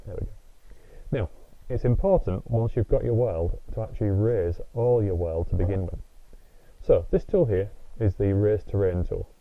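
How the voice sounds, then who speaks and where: A man narrating a software tutorial step by step in a patient, instructive way, heard through tinny, low-quality sound. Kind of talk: screen-recorded tutorial narration.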